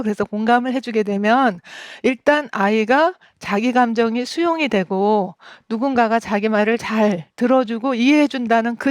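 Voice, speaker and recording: A woman's voice: on the high side, no echo, studio quality. A woman giving a stage talk on parenting, explaining step by step and acting out examples. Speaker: lecturer on parenting and emotion coaching.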